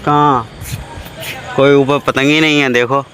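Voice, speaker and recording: A man's voice: medium pitch, little pitch movement, a little slow, fairly bright tone. A man doing a casual, chatty vlog from a rooftop, talking to his viewers as he shows them around. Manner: chatty, talks to viewers as "guys" while showing around. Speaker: vlogger. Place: outdoors on a rooftop. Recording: outdoor noise with passing traffic.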